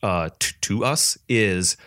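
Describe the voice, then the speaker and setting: A man's voice: lowish voice, takes it slowly, fairly bright tone. A man co-hosting a podcast in casual chat, eager and enthusiastic, often restarting his sentences. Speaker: podcast co-host.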